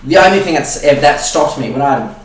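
A man's voice: a little high, expressive, fast talker, reverberant, poor audio. A man in his twenties with an Australian accent, co-hosting a casual podcast and rambling with fillers and swearing, recorded in an apartment. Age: 20s. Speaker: podcast co-host. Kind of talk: casual chat.

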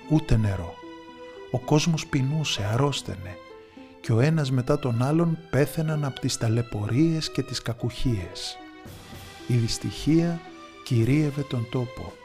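A man narrating a folktale in a measured, expressive storytelling voice that addresses the listeners. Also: mid-range voice.

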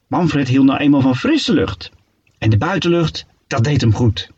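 A man reading a children's story aloud in an animated, playful way. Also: mid-range voice, a little slow, breathy edge. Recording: dull lo-fi recording.

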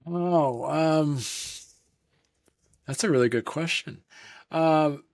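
A man's voice: fairly high pitch, slow, vocal fry, darkish tone. A man from Vermont, a comic creator, answering interview questions in a rambling casual way, with many fillers and restarts.

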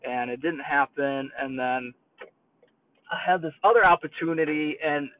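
A man's voice: fairly high pitch, moderate pace, dry recording, distant mic. A young man with a New York accent tells his own story in a loose, rambling way, looping back to fix his words as he goes. He sits well back from the mic, and the sound comes through thin and tinny, as if over a phone line. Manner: rambling, self-correcting with many restarts. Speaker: YouTube creator. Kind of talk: casual personal storytelling to camera.

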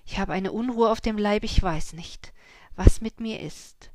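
A woman voicing a gruff, curt farmer in a storybook reading. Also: medium pitch, takes it slowly, no room sound, studio quality, close to an everyday voice. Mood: uneasy. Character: stern old farmer, grown man, uneasy.

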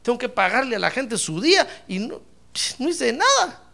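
A man's voice: extremely high pitch, big pitch swings, moderate pace, vocal fry, pushed and bright, heavily acted. A preacher putting on a weary, pleading fisherman. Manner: pleading, tired complaint. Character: weary grown male fisherman, complaining.

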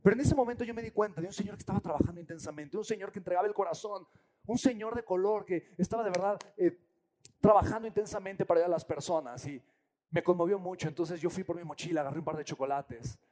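A man telling a story to an audience, animated and acting out the voices of the people in it. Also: high-pitched, fast talker. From Mexico. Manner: animated, acts out voices and quotes.

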